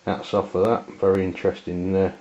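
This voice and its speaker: A man from England, an amateur radio reviewer, demonstrates a product off the cuff in a low, mellow, monotone voice with an English accent. He speaks plainly but hesitantly and haltingly, recorded on a dull lo-fi camera mic.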